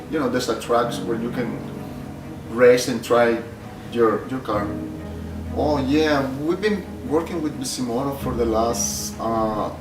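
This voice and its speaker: A middle-aged man from El Salvador, a shop owner answering interview questions in a plain, hesitant way with many fillers. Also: medium pitch. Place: clutch workshop. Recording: roomy sound from a distant mic, music behind.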